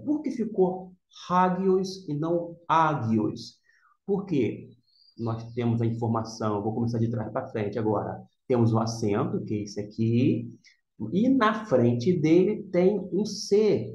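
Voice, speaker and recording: A man teaching a vocabulary lesson from slides, explaining slowly step by step and repeating key words. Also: a little high, darkish tone. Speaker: Greek teacher. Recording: roomy, dull lo-fi sound.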